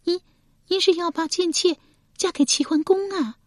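A woman's voice: extremely high pitch, steady tone, moderate pace, a little mellow, no room sound, studio quality, voice pushed up. A woman reading an audiobook voices a distressed noblewoman, a widowed lord's wife, pleading tearfully and anxiously. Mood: flustered. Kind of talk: audiobook character voice.

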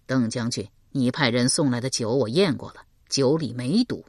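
A woman reading the part of a cautious male palace physician, who speaks low, quiet and guarded. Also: moderate pace, no echo, studio quality.

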